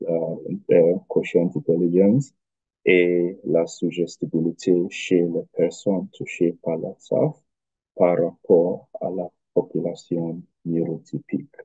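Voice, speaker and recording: A man with a foreign accent in French, a non-native speaker giving an academic presentation in halting, careful phrases over a video call. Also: deep voice, warm tone, slightly rough, no room sound, lo-fi sound. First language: not French. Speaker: researcher presenting a study.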